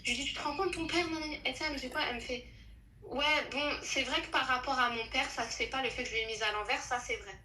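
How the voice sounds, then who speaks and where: A young woman telling a true story in a casual chat, animated and slangy, with many restarts. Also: sits high, fast, reverberant, slight background noise, low-quality recording.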